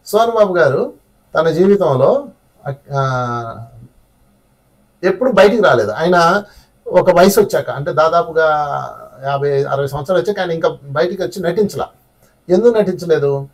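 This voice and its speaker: A man's voice: on the high side, expressive, normal speed, pauses often, far from the mic. A man teaching a spiritual class, telling stories in a conversational way and asking his listeners rhetorical questions.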